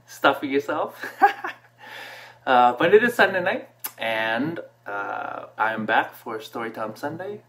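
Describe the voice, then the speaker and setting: A man in his thirties who grew up in Canada, telling a personal story to camera from a small room at home, relaxed and reflective, with many fillers. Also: mid-range voice, vocal fry, a little hiss or hum. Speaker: vlogger. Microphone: camera in front at desk distance.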